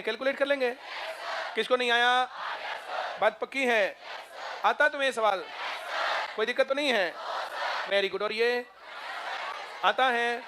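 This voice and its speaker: A male math teacher lecturing a classroom, constantly asking students if they understood. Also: very high voice. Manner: drills students with repeated checking questions. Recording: noisy classroom with crowd murmur.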